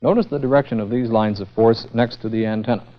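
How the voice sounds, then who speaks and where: Acting as the instructor in a vintage educational film, a man delivers a formal, methodical, scripted technical lecture. His mid-range voice moves quickly, with faint music in the background. The sound is dull and band-limited, typical of old 16mm film.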